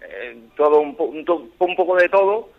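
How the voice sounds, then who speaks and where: A man in his thirties from Barcelona, calling in to a radio show and telling his story earnestly, with many halting restarts. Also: a little high, expressive, phone-quality sound. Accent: Spanish, from Barcelona. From Spain. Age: 30s. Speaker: caller. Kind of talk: phone-in interview.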